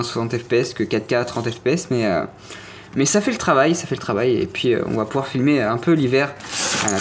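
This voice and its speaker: A man's voice: medium pitch, noisy background. A young man with a French accent giving a casual, rambling tour of his gaming room, hesitating often and joking about his collectibles. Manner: rambling, lots of hesitations and self-corrections; playful and enthusiastic about collectibles. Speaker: gaming streamer showing his setup.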